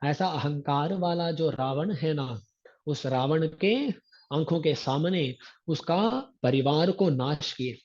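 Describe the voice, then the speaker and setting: Male religious teacher, higher voice, unhurried delivery, chants verses then explains; dull lo-fi recording. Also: darkish tone, slightly rough. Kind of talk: scripture discourse.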